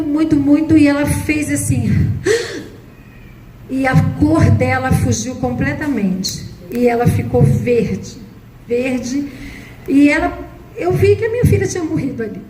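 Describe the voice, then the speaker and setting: A woman missionary preaching a sermon and telling a personal testimony with emotional, dramatic delivery. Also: a little mellow. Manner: emotional, dramatic retelling, voice rising high at climaxes. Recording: echoey room, faint noise.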